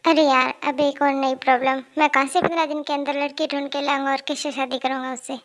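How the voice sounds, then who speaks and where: A cheeky young company boss who barks orders at his assistant and whines like a baby to his mother, voiced by a woman in a fan audio drama. The voice sits very high. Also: flat delivery, fairly quick, a bit bright. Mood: pleading. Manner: bossy at work, pleading and babyish with his mother.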